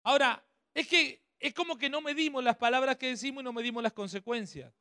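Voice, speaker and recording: High-voiced man teaching a workshop. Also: brisk, sharp tone, dry recording, clean studio sound. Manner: conversational, checks with the audience often. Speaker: speaker at a family workshop.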